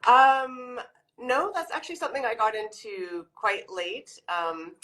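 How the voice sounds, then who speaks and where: Joining an interview by video call, a Canadian author in her forties chats casually, full of ums and restarts. Her voice sits on the high side, bright and forceful, and she takes her time.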